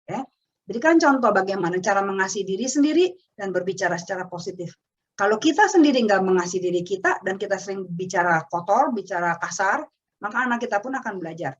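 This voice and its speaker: A woman with a husky voice gives an earnest parenting talk, speaking straight to the parents. The sound is dull and lo-fi, as on a video call. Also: mid-range voice, animated, fast. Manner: earnest, addresses parents directly. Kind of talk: webinar talk.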